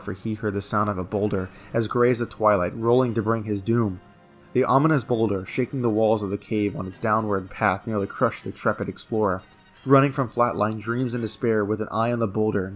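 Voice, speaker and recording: Male narrator, lowish voice, for dramatic recitation of epic dactylic verse with a strong metrical roll. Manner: declaiming in rolling, metrical dactylic rhythm.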